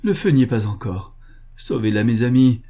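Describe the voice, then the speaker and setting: A man's voice: mid-range voice, animated, moderate pace, warm tone, slightly rough, voice pushed up. A man reading a story aloud, voicing a desperate older village butcher who pleads in an anguished, raised voice. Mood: anguished pleading.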